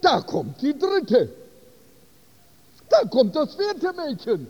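A man telling a story in a sermon, halting and searching for words in German. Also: very high voice, huge pitch swings, mellow, big-room sound, muffled recording.

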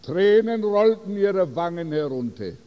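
A man telling a story in a sermon, halting and searching for words in German. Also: high-pitched, very animated, long reverb tail, lo-fi sound.

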